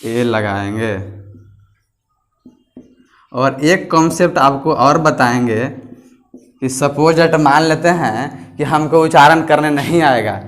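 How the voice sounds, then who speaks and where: A male teacher, speaking in a fairly high voice. He drags his words out slowly, repeating each phrase for students to copy down. He quizzes the class and answers his own questions. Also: a bit bright. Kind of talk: classroom lesson, dictating notes.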